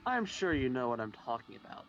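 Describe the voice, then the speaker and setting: A man voicing a cryptic computer entity in a video game that hints at secrets in a low, measured, knowing way. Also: very animated, a bit bright, muffled recording, a little hiss or hum.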